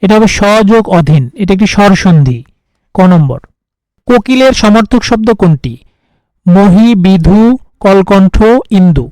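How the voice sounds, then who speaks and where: A man's voice: high voice, expressive, normal speed, a little mellow, no echo, rough recording. A man working through exam grammar questions. He reads out each answer option one by one and explains it step by step. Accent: Bangladeshi Bengali. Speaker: teacher solving exam questions. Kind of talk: recorded lesson, reading questions and explaining answers.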